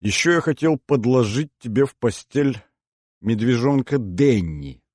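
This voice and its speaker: A man's voice: medium pitch, expressive, measured pace, darkish tone, dry recording, pitched above the performer's own voice. Ironic male vice-consul, playful mocking drawl, dry close sound, read by a male narrator.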